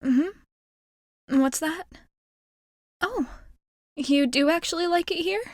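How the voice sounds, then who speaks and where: A woman voices a shy, kind young alien girl in an intimate ASMR roleplay, rambling hesitantly and earnestly with a shy, touched mood. Her voice is very high yet darkish, slow, and recorded in studio quality with no room sound.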